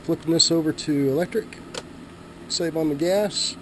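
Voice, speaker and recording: A man giving a relaxed, chatty handheld tour of his motorhome, reading out numbers from his solar panel display. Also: fairly high pitch, normal speed, noisy background. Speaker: RV owner vlogging his camping trip. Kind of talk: casual handheld vlog tour. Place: inside a parked motorhome, small room. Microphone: handheld wide-angle action camera.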